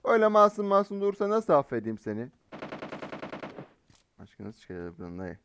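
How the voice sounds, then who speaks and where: A man giving live gameplay commentary as a mobile game streamer, excitable and teasing in slangy banter. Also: fairly high pitch, a little fast, background noise. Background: faint game gunfire.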